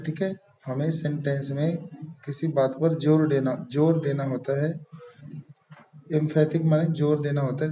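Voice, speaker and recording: A man's voice: on the high side, warm tone, reverberant, highs cut off. A man teaching English grammar step by step, patiently repeating key terms and checking in often. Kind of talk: step-by-step classroom explanation.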